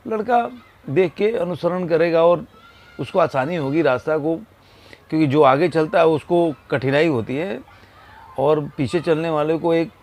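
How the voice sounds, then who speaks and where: A man telling a moral story in a slow, unhurried way, pausing often between phrases, with a Hindi accent. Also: medium pitch, vocal fry, a little mellow. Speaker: motivational speaker.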